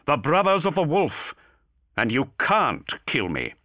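A man's voice: a little high, wildly swooping pitch, measured pace, sharp tone, no echo, studio quality, pitched above the performer's own voice, exaggerated voice. A man voicing a gloating male daemon in a warrior's body, mocking and taunting as he speaks. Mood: boastful.

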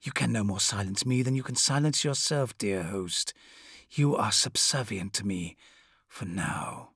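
A man voicing a mocking male demon inside its host's head, in a low hissing whisper. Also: a little slow, a bit bright, slightly rough, no room sound, clean studio sound, heavily acted. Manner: sly, taunting.

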